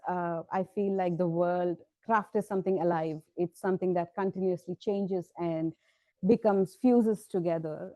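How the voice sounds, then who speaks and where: A woman's voice: fairly low pitch, mellow, no room sound, dull audio. A woman fashion designer giving a short, earnest talk about her craft at a garden event. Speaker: fashion designer and textile artist. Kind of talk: short vendor presentation.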